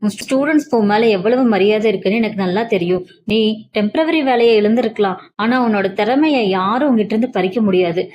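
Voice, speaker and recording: A woman voicing a gentle sister-in-law who calms and reassures the family in a story reading. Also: medium pitch, fairly quick, hardly any pauses, muffled recording, close to an everyday voice. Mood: soothing. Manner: soothing, reassuring.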